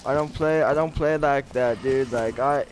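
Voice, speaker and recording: Live-streaming a co-op game, a young man chats with teammates through a headset in slangy, foul-mouthed banter. His mid-range voice runs at normal speed over game music and effects, with slight background noise.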